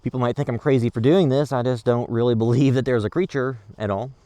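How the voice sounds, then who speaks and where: A man's voice: medium pitch, fairly even intonation, fast, mellow, no room sound, natural voice. A man acting as a casual, skeptical amateur creature hunter in a found-footage horror film, muttering hesitantly to his camera. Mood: musing, wary. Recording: noisy location sound.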